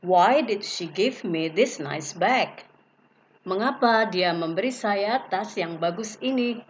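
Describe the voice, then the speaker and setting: A woman teacher reading English example questions slowly and carefully, each followed by its Indonesian translation. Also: mid-range voice, lively intonation, slight background noise. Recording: dull lo-fi recording.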